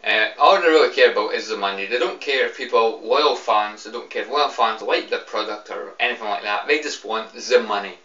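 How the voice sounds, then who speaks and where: A man's voice: lowish voice, a little fast, hardly any pauses, sharp tone. A young British man, tipsy and annoyed, giving a rambling, repetitive, sweary off-the-cuff rant to a camera. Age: young adult. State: tipsy, drunk. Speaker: video game fan giving opinions. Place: small room indoors. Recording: roomy, distant, slightly dull webcam sound.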